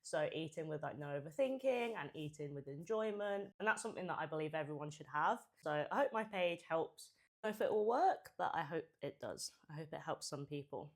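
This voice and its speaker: A woman in her twenties with a fairly deep voice for a woman. She chats informally to her followers as she eats, chewing while she talks. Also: lively intonation, brisk. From Hampshire, England and Japan. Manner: chewing and eating while talking, mouth sometimes full; chatty, informal. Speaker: food content creator. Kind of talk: casual mukbang chat to followers.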